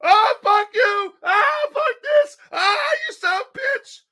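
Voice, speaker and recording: A man voicing an enraged teenage boy who screams curses in shrill, half-crying shouts. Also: lively intonation, slow, exaggerated voice.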